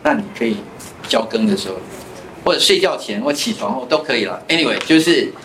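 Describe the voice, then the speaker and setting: A man's voice: mid-range voice, sing-song, fairly quick, a bit bright. A male pastor, teaching a Bible class in a chatty way with personal stories. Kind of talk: conversational Bible lesson with anecdotes. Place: church classroom. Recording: echoey room with faint noise.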